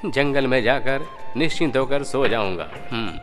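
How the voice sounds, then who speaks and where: A man's voice: medium pitch, expressive, normal speed, a bit bright, big-room sound, faint music behind, natural voice. An actor voicing a drowsy village boy who dreams things before they happen, in a cartoon. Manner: drowsy, pleading. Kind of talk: cartoon voice acting.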